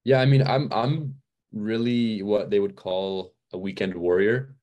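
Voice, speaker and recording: A man's voice: fairly low pitch, steady tone, unhurried, a little mellow. A man in his twenties, a podcast guest, talking in a loose casual way full of fillers and restarts, a little tired. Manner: rambling, many fillers and restarts. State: a little fatigued. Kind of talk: casual interview chat.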